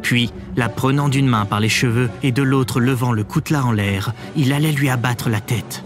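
A man narrating a fairy tale in an expressive, measured storybook reading. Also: mid-range voice, over music.

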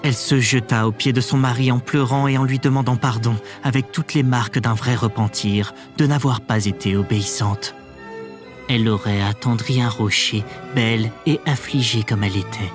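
A man narrating a fairy tale in an expressive, measured storybook reading. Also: mid-range voice, music in the background.

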